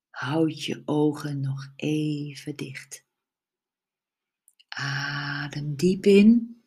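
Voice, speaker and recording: A woman leading a guided relaxation meditation, giving soft, soothing instructions with long pauses. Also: sits low, husky.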